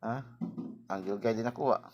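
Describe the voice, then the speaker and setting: A hoarse man with a lowish voice talks casually to his viewers, rambling and clearing his throat now and then. He keeps tagging his sentences with a questioning "no?". A faint room hum sits behind him. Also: a little fast, muffled recording. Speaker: lottery tip vlogger.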